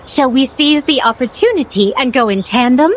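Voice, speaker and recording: A woman's voice: high voice, expressive, normal speed, slight background noise, poor audio. A woman voicing a poised, curious and naive otherworldly attendant in a video game, speaking in formal, flowery and overly polite phrases. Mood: pleased, reflective. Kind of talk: scripted video game dialogue.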